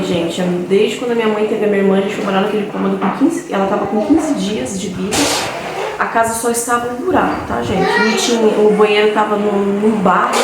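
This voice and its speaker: A woman's voice: mid-range voice, very noisy. A woman, a vlogger chatting casually to her viewers and telling a personal story. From Brazil. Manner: chatty, keeps addressing viewers as "gente". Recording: very echoey room, far from mic, loud kitchen clatter.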